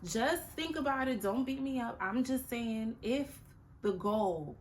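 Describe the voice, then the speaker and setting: A woman's voice: a little high, lively intonation, a little slow. Woman host, motivational talk, earnest, repeats points, faint background hiss.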